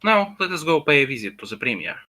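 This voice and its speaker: A man voicing a brisk military colonel pony for an audio fanfic. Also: a little high, very animated, sharp tone, voice pushed up, exaggerated voice. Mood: commanding.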